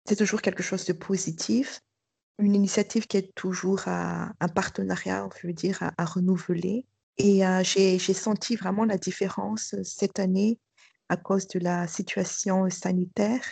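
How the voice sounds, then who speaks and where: Middle-aged woman talking about her years abroad, low gravelly voice, lots of euh and restarts, dry close sound. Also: little pitch movement, normal speed, darkish tone, no room sound. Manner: hesitant, many fillers and restarts. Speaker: school director. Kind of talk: testimony interview.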